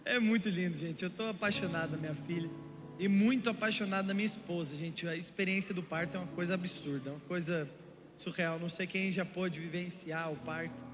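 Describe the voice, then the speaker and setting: A young man from Brazil preaching a sermon, telling stories in an animated way and joking with his congregation. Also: sits high, brisk. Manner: animated storytelling, playful asides to the congregation. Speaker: pastor. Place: church auditorium. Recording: echoey church hall with music. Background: music underneath.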